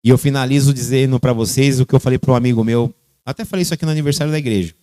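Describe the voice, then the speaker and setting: A man, a pastor preaching a sermon and calling on church members by name, shifting between loud and quiet. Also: mid-range voice, racing, dry recording. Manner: addresses congregation members by name.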